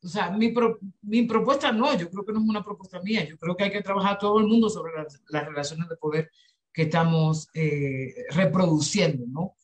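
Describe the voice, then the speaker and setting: A woman's voice: lowish voice, moderate pace. A middle-aged woman with a Caribbean Spanish accent answering in an unscripted discussion on a video call, reflective and emphatic, often adding short tag questions. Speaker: invited speaker at a webinar. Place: indoor room on a video call.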